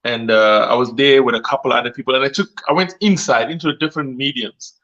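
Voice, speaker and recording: A man's voice: medium pitch, quick pace, fairly bright tone. Laughing Durban-accented man telling stories. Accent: South African English, Durban. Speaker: co-host. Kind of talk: casual storytelling chat. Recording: muffled mic.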